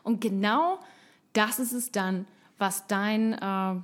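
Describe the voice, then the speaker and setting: A woman giving casual spoken advice to the viewer, chatty, with frequent fillers and self-corrections, sometimes acting out calm, firm replies in a lowered voice. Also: slow pace. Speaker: advice coach on handling bullying.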